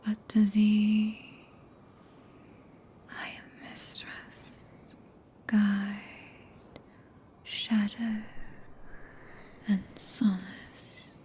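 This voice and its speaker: Ranni the Witch, very slow British whisper, played by a woman. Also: mid-range voice, level tone, warm tone. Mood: solemn, tender. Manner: archaic, slow, breathy, intimate whispering. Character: tender, possessive four-handed witch, solemn and regal mistress. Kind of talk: ASMR roleplay, whispered. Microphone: close binaural ASMR microphone.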